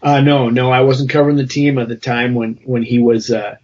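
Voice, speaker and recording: A man co-hosts a sports podcast in a husky, raspy voice. He talks haltingly and with opinion, restarting his sentences often. The audio is a bit dull. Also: mid-range voice, flat delivery, a little mellow. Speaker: podcast co-host, former sports reporter. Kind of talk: casual chat.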